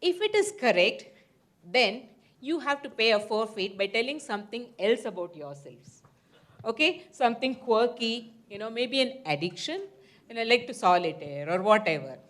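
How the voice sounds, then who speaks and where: A woman's voice: fairly high pitch, big pitch swings, normal speed, a bit bright. A woman moderating a live panel informally, chatty and playful with frequent asides. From Mysore, India.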